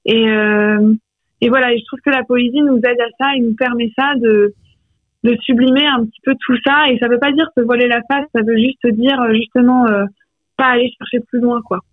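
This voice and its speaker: A woman's voice: fairly high pitch, steady tone, normal speed, no echo. A woman author, heard over a landline phone line, talking reflectively about her poetry in a radio interview. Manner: reflective, searching for words. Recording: tinny, dry phone line.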